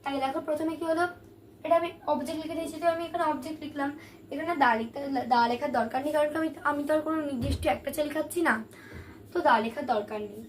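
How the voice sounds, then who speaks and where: In a high, steady voice, a woman races through a grammar lesson, though her explanations stay patient. She poses questions and answers them herself, and the distant mic picks up faint room noise.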